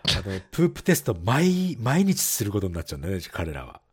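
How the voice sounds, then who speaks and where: A man's voice: on the low side, wildly swooping pitch, fast, breathy edge. A man co-hosting a casual podcast, reading listener letters, laughing often and explaining English phrases. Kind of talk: casual bilingual chat.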